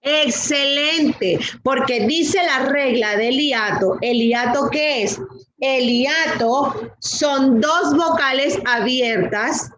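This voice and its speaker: A middle-aged woman teaching a class, speaking slowly and patiently and repeating rules and questions to her students. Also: high-pitched, fairly bright tone, a little hiss or hum, low-quality recording. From Latin America. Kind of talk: online class lesson.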